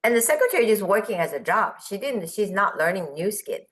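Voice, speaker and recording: Animated woman telling a business story. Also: mid-range voice, a little fast, low-quality recording. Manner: animated, quotes people in raised voices, laughs. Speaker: guest speaker on business forum. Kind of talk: storytelling in a video call. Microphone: video call.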